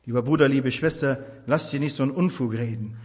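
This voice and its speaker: A man preaching a sermon with passion, moving between loud emphasis and hushed tenderness. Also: mid-range voice, fairly quick. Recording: reverberant hall.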